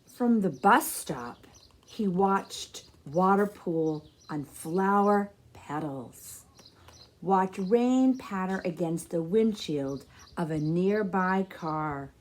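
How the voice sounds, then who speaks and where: A woman with a lowish voice reads a children's picture book aloud like a storyteller, her phrasing deliberate and expressive.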